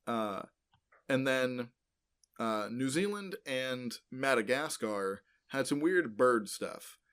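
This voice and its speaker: A man co-hosting a podcast, explaining things in a loose, informal way and filling pauses with many ums, uhs and likes. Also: medium pitch, animated, a bit bright, clean tone. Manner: rambling, many ums and uhs, self-correcting; loose and informal, uses "like" often. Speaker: podcast co-host explaining paleontology. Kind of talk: casual educational podcast chat.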